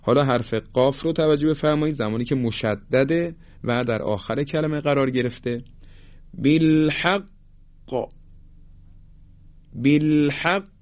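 A man gives a patient, courteous lesson on Quran recitation, pausing to recite example words slowly and carefully. His voice sits in an ordinary middle pitch. The recording is slightly muffled and lo-fi. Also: darkish tone. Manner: patient, polite, slows to stretch out each example word.

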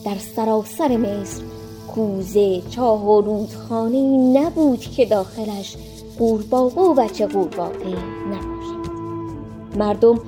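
Expressive woman narrating a storybook. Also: on the high side, over music.

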